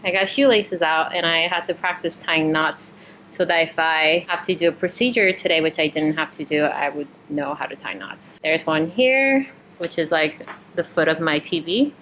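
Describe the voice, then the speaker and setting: A young woman talks casually to camera from her home, chatty and loose, with frequent "like" fillers. Her voice sits a bit low but sounds bright and tense. A faint hiss runs underneath. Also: normal speed, poor audio. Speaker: new resident doctor vlogging. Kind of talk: casual vlog talk to camera. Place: at home, indoors.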